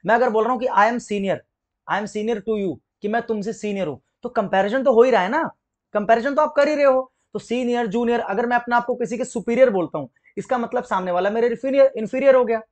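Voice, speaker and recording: A young male teacher runs an exam-prep grammar lesson at a quick clip. His voice sits high for a man, and he keeps asking whether his students follow him. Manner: explains step by step, keeps checking understanding. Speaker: English teacher.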